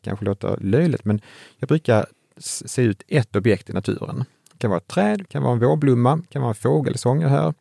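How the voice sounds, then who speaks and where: A man talking about running and health as an author guest in a relaxed, reflective way, often restarting his sentences. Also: on the low side, vocal fry, dry recording, studio quality. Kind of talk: casual conversation.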